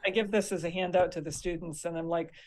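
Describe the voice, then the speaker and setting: A woman's voice: fairly low pitch, steady tone, quick pace, crowd noise. A woman linguistics professor, a guest on an interview, explaining patiently on a video call. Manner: explains patiently with teacherly asides. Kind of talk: casual interview chat.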